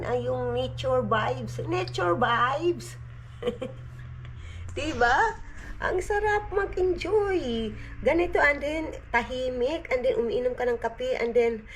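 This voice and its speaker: A woman's voice: fairly high pitch, a little hiss or hum. A woman, a mother, chatting casually to her vlog viewers at home and mixing in English words. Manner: chatty, mixes Tagalog with English, often says "day". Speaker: vlogger and mother. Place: home, porch and yard outdoors.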